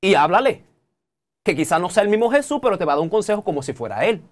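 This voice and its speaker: Lively Dominican man lecturing animatedly. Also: sits high, fast talker. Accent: Dominican Spanish. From Dominican Republic. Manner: animated, preachy, gestures a lot and keeps addressing the audience directly. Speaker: technology guest. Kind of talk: TV studio interview. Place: TV studio.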